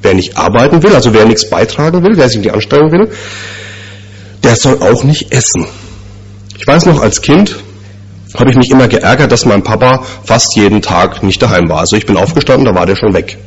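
Husky-voiced German man preaching. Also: mid-range voice, lively intonation, muffled recording. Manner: storytelling, rhetorical questions, slow emphatic repetitions. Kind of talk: sermon.

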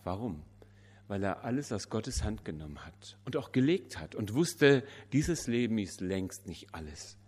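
A man preaching a sermon, telling a story in an earnest way with emphatic pauses. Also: lowish voice, husky.

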